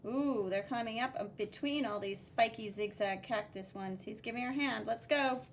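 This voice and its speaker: A female teacher reads a picture book aloud to kids, describing the illustrations simply and instructively with lively expression and sing-song stress on key words. Her voice sits a little high, her pace is moderate, and there's a faint hiss or hum.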